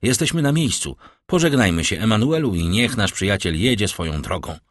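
A man's voice: on the low side, expressive, fairly quick, dry recording, clean studio sound. A man reading the part of an earnest, lovestruck young army captain. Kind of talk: audiobook character reading.

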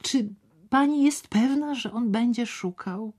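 A woman voicing a smooth, persuasive male gambler in an audiobook, speaking in hushed tones that often drop to a whisper. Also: extremely high pitch, measured pace, pitched above the performer's own voice. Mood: insinuating. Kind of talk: audiobook character reading.

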